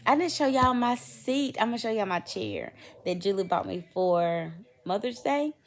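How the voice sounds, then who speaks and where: A woman's voice: medium pitch, lively intonation, normal speed. A middle-aged woman, venting in a rambling, sleepy casual storytime vlog. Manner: rambling, venting, lots of fillers. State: sleepy, yawning. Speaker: vlogger.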